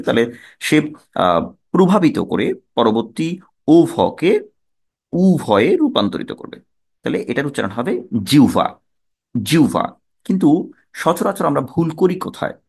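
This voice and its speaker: A man with a Bangladeshi Bengali accent teaching a pronunciation lesson, measured and explanatory, asking questions and answering them himself. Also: mid-range voice, a little mellow, husky.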